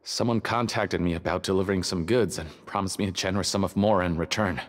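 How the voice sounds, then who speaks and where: A man voices a jittery, resentful smuggler prisoner in scripted video game dialogue, stammering, defensive, indignant and self-justifying. His low, natural voice is steady and quick, set against long hall reverb and background music.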